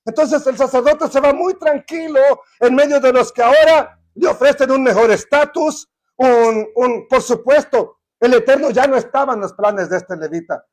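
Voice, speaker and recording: A man's voice: very high voice, moderate pace. A man teaching a Bible study in a conversational way, often checking in with rhetorical questions.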